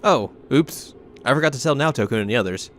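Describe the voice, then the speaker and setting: A man's voice: medium pitch, expressive, brisk, a bit bright. A man reading game text aloud as a let's player, with dramatic delivery and joking asides. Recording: faint background noise.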